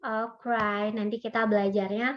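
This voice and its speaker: A woman teaching a recorded online language lesson, drilling sounds with loud, drawn-out repetitions. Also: medium pitch, flat delivery. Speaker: Mandarin teacher. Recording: dull lo-fi recording.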